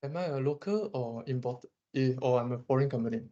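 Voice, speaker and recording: Teasing Malaysian lecturer, lo-fi sound. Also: male voice, medium pitch, fairly quick. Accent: Malaysian English. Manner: animated, teasing, quizzes the class. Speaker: economics lecturer. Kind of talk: classroom lecture.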